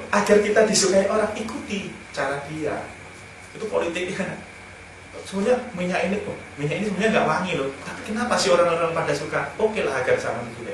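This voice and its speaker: A man's voice: high voice, fairly bright tone. A man giving casual, humorous self-improvement advice, telling anecdotes and chuckling between points. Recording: very echoey room, speaker far from mic, faint noise.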